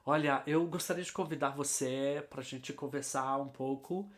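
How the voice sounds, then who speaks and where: A man puts on a polite foreign gentleman who picks each word with care. The delivery is slow and formal, at an ordinary middle pitch. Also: fairly even intonation, lightly acted. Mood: courteous. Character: polite foreign man speaking careful Portuguese.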